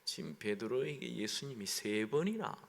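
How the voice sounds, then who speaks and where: A man's voice: mid-range voice, animated, moderate pace, gravelly. A man, a pastor, preaching a sermon in a church sanctuary, talking in a conversational way and asking the congregation questions. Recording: long echo of a large hall.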